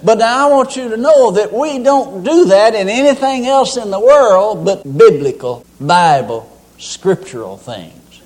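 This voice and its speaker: Man preaching in church, fairly high voice, animated delivery, homespun jokes. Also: a little slow. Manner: folksy, humorous storytelling. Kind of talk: sermon.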